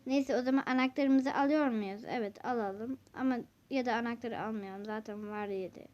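A woman's voice: a little high, normal speed, a little mellow. A woman vlogger narrating a game casually and chatting directly to her viewers. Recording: dull lo-fi recording.

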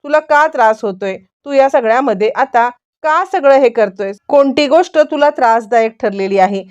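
Caring mother figure, coaxing and concerned, a touch high and raised, as a woman narrator voices her. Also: normal speed, highs cut off, lightly acted.

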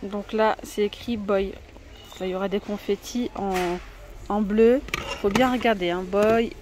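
A woman's voice: mid-range voice, steady tone, normal speed, a little mellow, slight background noise. A woman vlogging in a discount store, chatty and enthusiastic, with lots of hesitations as she points out new items. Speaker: shopping vlogger. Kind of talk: casual store walkthrough. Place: inside a large discount store.

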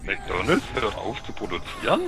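A man's voice: on the low side, huge pitch swings, moderate pace, bright, forceful tone. A young man joking and teasing his friends during a casual gaming session, often laughing. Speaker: gamer.

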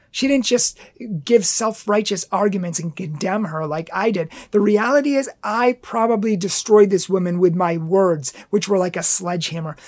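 Male speaker, husky tone, earnest impassioned testimony for a pro-life talk. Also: high voice.

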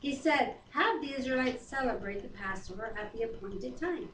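Co-hosting a home Bible reading and prayer, a chatty middle-aged woman is quick to laugh and pokes fun at herself. Her voice is a little high, expressive and somewhat bright. A distant camera captures the wood-paneled dining room, giving a roomy home-video sound.

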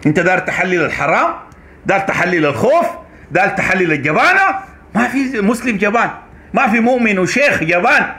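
A man's voice: sits high, big pitch swings, fairly quick, pushed and bright. A man with a Sudanese Arabic accent delivers an accusatory political rant, hammering his points with repeated phrases. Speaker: online commentator.

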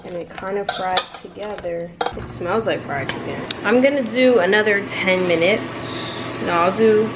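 A young woman vlogging while she cooks in her home kitchen, talking casually and swearing now and then, picked up by a camera on the counter. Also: mid-range voice. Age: young adult. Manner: chatty, swearing, quick laughs. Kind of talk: casual cooking vlog chat. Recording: echoey kitchen, loud background noise.

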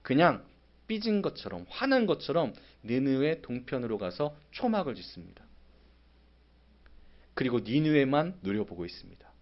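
Korean pastor preaching with lively bursts. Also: male voice, mid-range voice, moderate pace, dull audio. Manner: acts out Jonah's angry, sarcastic complaints in sudden loud bursts. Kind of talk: sermon. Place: church sanctuary.

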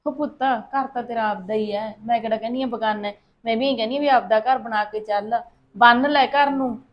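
A woman's voice: fairly high pitch, fairly even intonation, a little fast, highs cut off, a little hiss or hum, natural voice. A woman playing a thrifty, scolding mother-in-law. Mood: lecturing. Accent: Punjabi. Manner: lecturing, scolding. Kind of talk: short-film acting.

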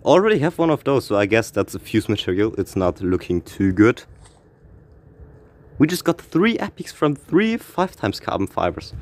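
A man giving casual, excitable commentary on opening car packs in a racing game, reading out car names and laughing often, a little out of breath. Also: lowish voice, normal speed. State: slightly out of breath. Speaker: gaming YouTuber.

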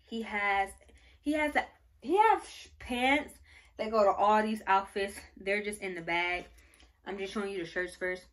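A woman's voice: medium pitch, normal speed. A pregnant young woman vlogging casually, gushing over baby clothes in a rambling way with many fillers. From Michigan, United States. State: pregnant, briefly out of breath. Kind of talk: casual baby haul show-and-tell.

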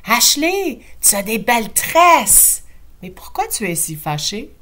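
A woman with a Quebec French accent voicing a gentle, calm old grandmother in a storybook, speaking softly and low. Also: takes it slowly, a little hiss or hum, exaggerated voice. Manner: soft, calm, lower and quieter.

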